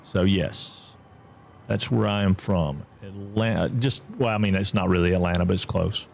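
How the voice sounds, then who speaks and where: A man's voice: normal speed, creaky, slight background noise. Southern drawling man streaming a game. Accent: Southern US (Georgia). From Georgia, US. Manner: chatty, drawling, reads chat aloud, jumps high when excited. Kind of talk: casual live-stream chat.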